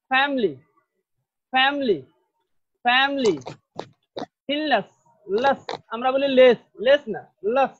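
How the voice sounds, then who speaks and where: A man's voice: very high-pitched, highs cut off. A man with a Bangladeshi accent teaching a classroom pronunciation lesson, repeating each word several times. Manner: slow, repeats words many times, drills sounds. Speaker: English teacher.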